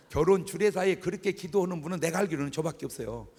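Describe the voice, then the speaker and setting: A middle-aged man preaching a revival sermon as pastor, joking and acting out scenes in an animated way, in a large church sanctuary with an echoey hall. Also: a little high, fast, slightly rough. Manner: animated, joking, acts out wailing mourners. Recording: echoey hall with long reverb.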